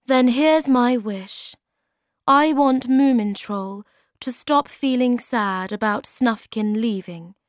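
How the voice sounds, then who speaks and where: A kind, gentle mother troll from a children's story, voiced by a woman reading aloud. She speaks tenderly in a raised, caring voice. The recording is dry and close. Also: sits high, expressive, slow, hardly any pauses, no echo, pitched above the performer's own voice.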